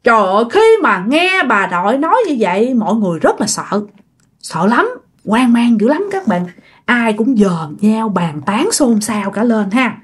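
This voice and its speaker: A woman's voice: on the high side, measured pace, breathy edge. A woman with a Southern Vietnamese accent telling a ghost story casually, acting out the characters' voices. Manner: lively, acts out the characters' voices.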